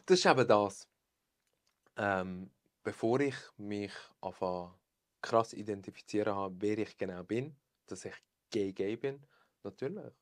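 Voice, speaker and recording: Young man, Swiss German accent, podcast guest, low voice, expressive, dry close sound. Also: measured pace, dry recording. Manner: expressive, mixes English phrases, laughs often. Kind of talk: casual chat.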